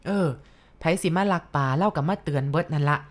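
A woman voicing a stern but kindly old male abbot, talking in a measured, scolding way. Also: sits low. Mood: explaining.

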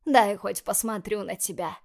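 A woman voicing a warm, doting elderly grandmother in an audiobook, with gushing, drawn-out exclamations. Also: on the high side, natural voice. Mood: tender. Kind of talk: audiobook character voice.

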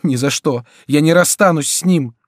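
A male narrator voicing a young countess, crying out in high, desperate pleas in an audiobook. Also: normal speed, no echo, studio quality, natural voice. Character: young female countess, frantic and pleading.

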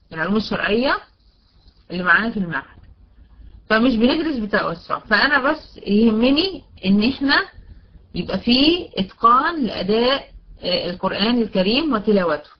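A woman with a medium-pitched voice and an Egyptian Arabic accent teaches tajweed in a recorded lesson, laying out recitation rules step by step. Example words come out slowly, and she often pauses to ask "tamam?" so her students keep up. The audio is lo-fi and dull.

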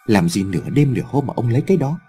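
A man's voice: medium pitch, expressive, rapid-fire, mellow, husky, soft background music. A man voicing a frightened, tearful old farm wife who pleads with a trembling voice.

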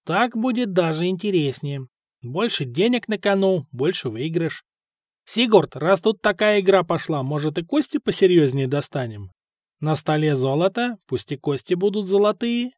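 A lean young tavern gambler, read by a male narrator, curt and dismissive in tone. The voice sits fairly high in a dry, close recording. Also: animated, moderate pace, a little mellow, dry recording. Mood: sly.

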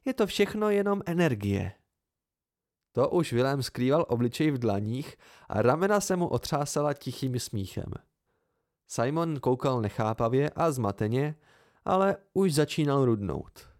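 A man's voice: mid-range voice, animated, darkish tone, no echo, clean studio sound. A man narrating a first-person story in an amateur audiobook reading.

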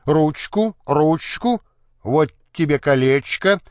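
A man's voice: fairly high pitch, animated, takes it slowly, no echo, clean studio sound. A man reading an audiobook, voicing a boastful nobleman back from a night of gambling, hearty and bragging.

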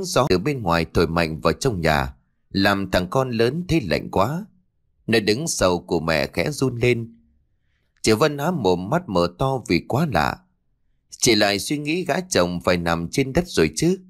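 Low, lively male horror-story narrator.

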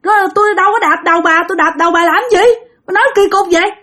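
A woman voicing a startled old grandfather who protests in quick, flustered questions. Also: very high-pitched, fairly even intonation, sharp tone, pitched above the performer's own voice.

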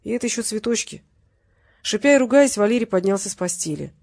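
A woman reading a novel aloud as an audiobook narrator, telling the story in a steady, wry manner. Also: mid-range voice, fast, gravelly. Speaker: audiobook reader.

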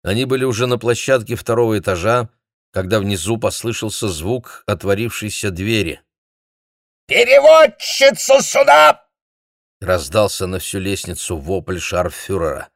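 A man narrating an audiobook in a measured storytelling manner. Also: on the low side, no echo, clean studio sound. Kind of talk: scripted narration.

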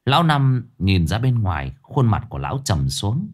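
A man narrating a ghost story as an expressive storyteller. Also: lowish voice, normal speed. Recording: soft background music.

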